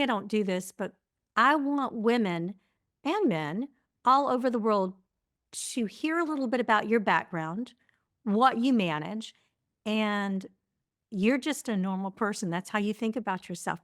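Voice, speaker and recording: A woman's voice: mid-range voice, lively intonation, normal speed, no room sound, clean studio sound. A woman hosting a podcast interview who introduces and questions her guest with enthusiasm and compliments. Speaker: podcast host. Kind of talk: hosted interview.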